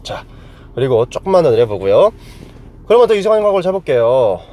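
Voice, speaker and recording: A man's voice: medium pitch, very animated, brisk, dark tone. A man teaching English grammar to a class, playful and joking, quizzing students with silly memory tricks.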